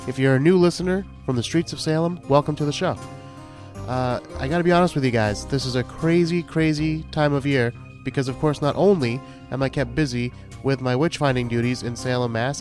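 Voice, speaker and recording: Congested man hosting a podcast, nose blocked. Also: mid-range voice. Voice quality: congested, blocked-nose sound from a bad cold. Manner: chatty, jokey, self-deprecating. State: stuffed up with a cold. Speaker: podcast host. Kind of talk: casual solo podcast introduction.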